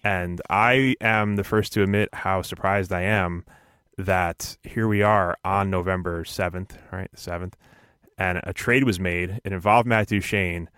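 A man hosting a casual sports podcast, rambling along with deadpan jokes and stumbling over repeated words. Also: low-pitched, measured pace, smooth, no room sound, studio quality. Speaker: podcast host.

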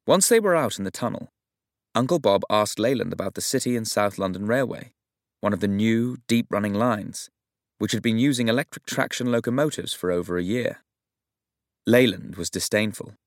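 A man reading a novel aloud as narrator in a measured, even storytelling manner. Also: on the low side, no echo, clean studio sound. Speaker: audiobook narrator. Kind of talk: scripted narration.

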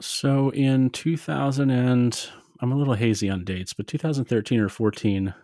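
A man's voice: mid-range voice, steady tone, normal speed, warm tone, no room sound, studio quality. A man talking casually and self-deprecatingly as a podcast guest, telling his own story.

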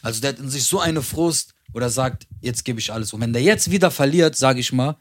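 A man co-hosting a podcast in casual chat, slangy and animated, jumping into high-pitched protests. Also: brisk, dry recording, clean studio sound. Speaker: podcast co-host.

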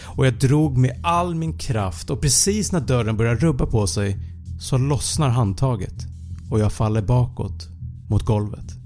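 Gravelly, dark-voiced male horror narrator. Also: medium pitch. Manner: measured, suspenseful. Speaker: podcast narrator. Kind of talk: first-person horror storytelling.

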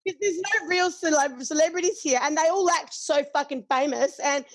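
Aussie woman in casual chat, high voice, dry close sound, swears a lot, acts out quotes. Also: normal speed, dry recording. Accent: Australian. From Australia. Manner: candid, swears freely, animated quoting of others.

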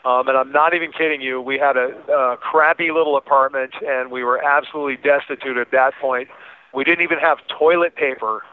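A man's voice: mid-range voice, steady tone, fairly quick, clean tone. Man telling his story, thin phone-like sound. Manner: informal, emphatic, quotes remembered speech. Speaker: interview guest. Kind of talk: candid personal storytelling.

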